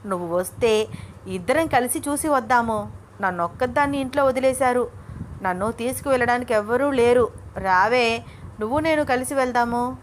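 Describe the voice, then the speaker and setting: Woman playing a bossy old grandmother, scolding, high and fond, storybook reading. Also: moderate pace, a little hiss or hum, close to an everyday voice. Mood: teasing, chatty. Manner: scolding, calls her girl names.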